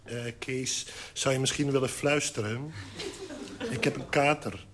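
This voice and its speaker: A man's voice: mid-range voice, fairly even intonation, unhurried, close to an everyday voice. A man playing a hungover, forgetful caller in a comic phone monologue, groggy and chuckling sheepishly. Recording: loud crackle and clicks, old record.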